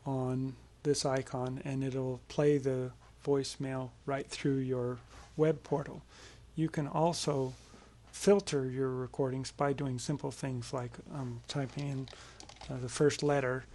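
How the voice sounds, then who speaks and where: Creaky-voiced and mid-range, a man gives a casual screencast walkthrough of a piece of software, keeping his explanations informal.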